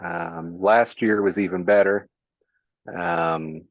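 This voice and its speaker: A man speaking as a podcast guest, easygoing and plain-spoken. His voice sits fairly low. The audio is muffled and lo-fi, as on a video call, and dry with no room echo. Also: fairly even intonation, slow. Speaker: guest, small business owner. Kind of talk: casual interview chat.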